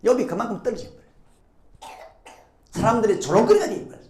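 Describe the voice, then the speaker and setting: Animated woman preaching in an echoey church. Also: medium pitch, quick pace. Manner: animated storytelling, acting out quoted voices. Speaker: pastor. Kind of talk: sermon. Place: church sanctuary.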